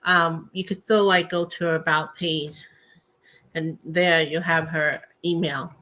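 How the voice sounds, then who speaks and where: Woman host, bright forceful voice, slightly low pitch, casual rambling chat. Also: steady tone, a little slow, poor audio. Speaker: host of a tarot and spirit talk show.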